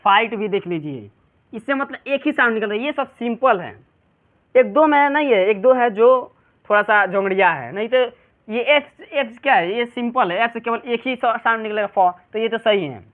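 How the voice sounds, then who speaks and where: A man's voice: high voice, lively intonation, normal speed. A male teacher with a Bihari Hindi accent giving a classroom pronunciation lesson, who keeps asking his students questions and answering them himself. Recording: tinny phone-like sound.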